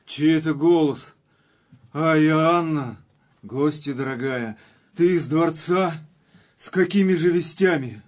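An actor playing a grave, courteous master of the house in solemn, declaimed verse drama. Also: male voice, fairly high pitch, slow pace. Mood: courteous concern.

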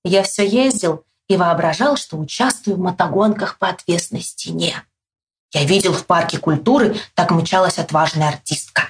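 A woman teacher reading a children's story aloud with lively expression, acting out the shouts, then quizzing a pupil. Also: moderate pace. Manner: acts out the boy's shouts with big jumps in pitch. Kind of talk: expressive read-aloud with quiz questions.

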